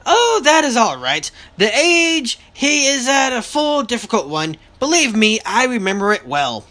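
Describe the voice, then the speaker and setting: A woman reading aloud, voicing a charming gentleman with a smooth, teasing manner. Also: very high-pitched, very animated, a little slow, heavily acted. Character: teasing charming gentleman suitor, adult man.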